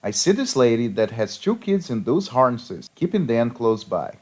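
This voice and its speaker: Man reading stories with a lively pitch. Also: moderate pace. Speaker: story narrator. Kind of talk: reading revenge stories aloud.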